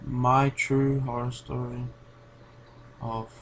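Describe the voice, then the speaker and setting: A man's voice: medium pitch, little pitch movement, slow pace, background noise. A man hosting a reaction video, chatting casually in a rambling, filler-heavy, laid-back way. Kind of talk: casual commentary.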